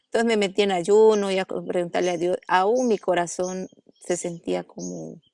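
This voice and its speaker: Her voice is on the low side, warm and steady with vocal fry, at a normal speed, and the recording is dry. She is a woman pastor from the Amazon jungle recounting her testimony in an interview at a family house in a jungle village, acting out the quoted dialogue as she tells it.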